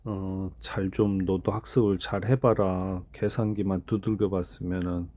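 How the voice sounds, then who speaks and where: A man's voice: low voice, flat delivery, unhurried, warm tone. A man in his fifties talking casually and bluntly to an AI assistant, scolding it for mistakes. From South Korea. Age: 50s. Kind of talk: casual spoken chat.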